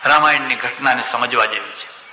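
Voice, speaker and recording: A man preaching a sermon in a lively storytelling style that acts out the voices. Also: mid-range voice, brisk, a little hiss or hum. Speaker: swami, preacher. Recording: echoey hall with long reverb.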